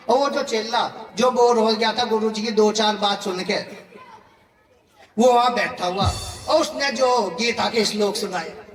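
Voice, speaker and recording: A man with a high voice tells a devotional story in a sermon, chatty and chuckling now and then. He stands away from the mic in a large hall. The sound rings with a long, roomy reverb. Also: a bit bright. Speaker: preacher. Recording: echoey hall from far off.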